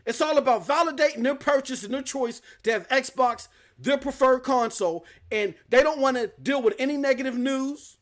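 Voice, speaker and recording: A man's voice: extremely high pitch, moderate pace, hardly any pauses. A man hosting a live gaming news stream, ranting emphatically with slang and rhetorical questions.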